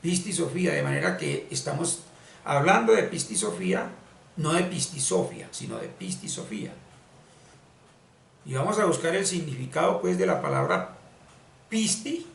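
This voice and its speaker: A man with a deeply gravelly, creaky voice gives a slow, deliberate lesson, repeating key words as he explains. His pitch sits a little high and moves a lot. He sounds distant from the mic, in a roomy space with a faint hiss behind him. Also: huge pitch swings. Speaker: spiritual teacher. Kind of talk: explanatory screen-share lesson.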